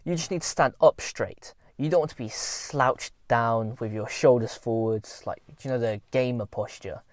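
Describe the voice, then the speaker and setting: A man's voice: mid-range voice, normal speed, no room sound, studio quality. A young man talking casually to camera, giving earnest, informal self-improvement advice.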